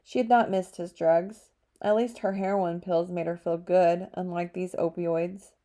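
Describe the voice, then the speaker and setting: A woman narrating an audiobook chapter with a steady storytelling delivery. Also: on the low side, a little slow. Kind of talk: scripted narration.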